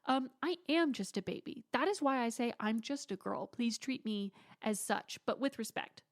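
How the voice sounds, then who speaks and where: A woman in her twenties hosts her own podcast, chatting casually and dramatically with playful asides and mock whispers. Her voice is fairly high and animated, at a moderate pace.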